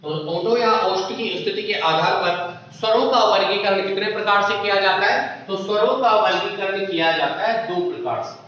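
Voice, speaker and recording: A man's voice: sits high, normal speed, fairly bright tone. A man teaching a lesson, asking rhetorical questions and drawing out sounds as examples, recorded far from the mic in an echoey room with dull lo-fi sound. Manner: repeats checks like "ठीक है" and rhetorical questions, draws out vowel sounds. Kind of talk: classroom lesson on Hindi phonetics.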